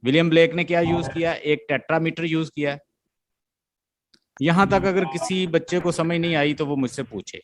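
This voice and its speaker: A man's voice: on the high side, steady tone, moderate pace. A male literature teacher lecturing a class, explaining step by step, chanting stress beats aloud and often checking that the students follow.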